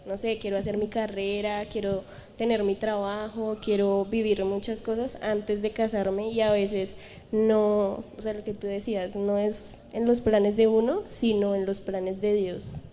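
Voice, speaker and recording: Flat, mellow woman co-host. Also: medium pitch, measured pace, slight background noise. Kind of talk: reflective comment in an interview.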